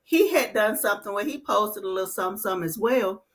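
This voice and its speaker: A woman's voice: medium pitch, expressive, quick pace. A woman hosting a casual talk show, chatting loosely about the news. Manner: reads a letter aloud; loose, conversational. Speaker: podcast host. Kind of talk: casual chat.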